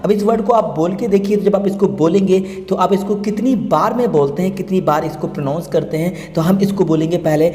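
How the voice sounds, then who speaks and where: A man hosting an English lesson, explaining syllable division slowly and repeating each word part by part. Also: high voice, a little mellow. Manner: slow and repetitive, spells words out syllable by syllable. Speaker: English teacher, channel host.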